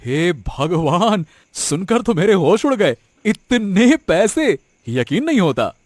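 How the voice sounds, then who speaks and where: Fawning cartoon henchman, voiced by a man, high lively voice, dry sound. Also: slow, no room sound, exaggerated voice. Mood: amazed. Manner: fawning, laughs along. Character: greedy accomplice of the headman.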